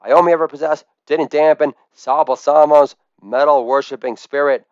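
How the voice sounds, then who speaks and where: A man in his forties, a comedian, telling a comic story in a loud monologue with shouted catchphrases. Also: fairly high pitch, steady tone, moderate pace, no room sound, muffled recording. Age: 40s.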